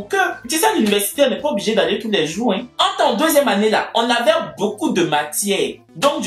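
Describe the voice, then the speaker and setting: A young man casually telling a personal story, acting out the dialogue with big jumps in his voice. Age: young adult. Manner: animated, acts out dialogue with big pitch jumps. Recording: echoey room, mic at a distance, faint music.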